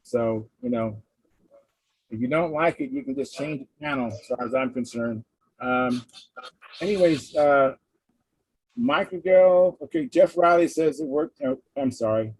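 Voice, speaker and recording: A man hosting a casual live hangout, chatting in a halting, conversational way and reading out comments. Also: medium pitch, breathy edge, dry recording, poor audio. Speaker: host of a hobby livestream hangout. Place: live online video hangout.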